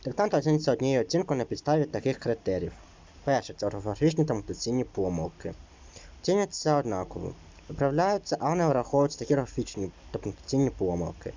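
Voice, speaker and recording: A man's voice: mid-range voice, big pitch swings, fast talker, warm tone, lo-fi sound. A man teaching an exam-prep lesson, reading out rules and then explaining them loosely, with many fillers.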